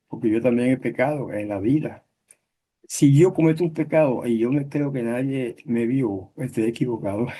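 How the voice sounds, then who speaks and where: A man's voice: mid-range voice, warm tone. A middle-aged man teaching a Bible class, explaining terms step by step and checking in with his listeners. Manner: explains slowly, checks in with "¿ok?" and "¿verdad?".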